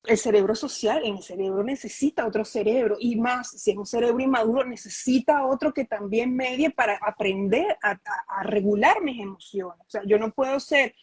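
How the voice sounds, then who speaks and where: Woman, a touch high and breathy, earnest explainer, close dry sound. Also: moderate pace, hardly any pauses, no echo, rough recording. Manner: earnest, explanatory, frequent restarts and rhetorical questions. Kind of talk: conversational interview.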